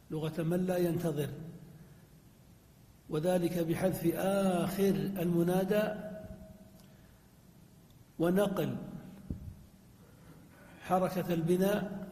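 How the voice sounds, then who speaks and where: A man teaching classical Arabic grammar, reading out example phrases slowly and deliberately. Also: high-pitched, warm tone, echoey room, big-room sound. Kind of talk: explaining a classical grammar text.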